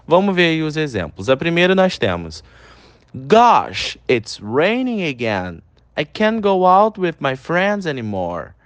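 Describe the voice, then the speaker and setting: A man's voice: a little high, no room sound. A young adult man with a Brazilian Portuguese accent teaching an online English lesson, chatty and speaking straight to his students. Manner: upbeat, chatty, addresses students directly.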